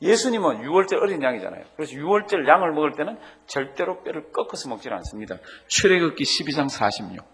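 A man's voice: a little high, very animated, fast, hardly any pauses. A man preaching a sermon as pastor, asking his congregation questions and leading them in reading scripture aloud. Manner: calls out the scripture cries loudly.

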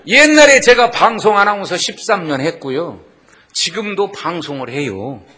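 Middle-aged male revival preacher, thick Jeolla accent, high and bright, folksy humor with loud exclamations. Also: sing-song, normal speed. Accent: Jeolla Korean. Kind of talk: sermon with jokes.

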